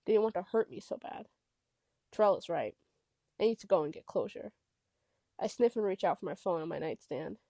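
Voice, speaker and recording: Woman narrating an audiobook, calm and reflective, first person, dry close mic. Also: fairly low pitch, no room sound.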